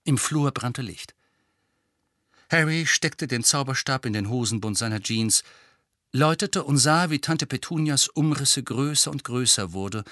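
A man narrating an audiobook in an expressive, lively storytelling manner. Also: mid-range voice, dry recording, clean studio sound. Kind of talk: scripted narration.

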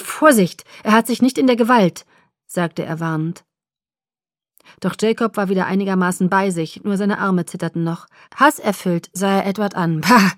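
A woman narrating a first-person audiobook in a measured, steady storytelling manner. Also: mid-range voice, dry recording, studio quality.

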